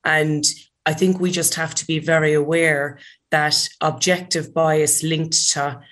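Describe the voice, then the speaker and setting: A woman's voice: low voice, level tone, measured pace. A woman with a strong Kerry accent from the west of Ireland, talking as a panellist in a discussion. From County Kerry, Ireland.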